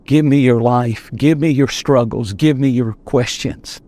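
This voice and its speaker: A man preaching quotes the Lord in a lower, gentle and solemn voice. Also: unhurried, lightly acted. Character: the Lord speaking, calm male divine voice.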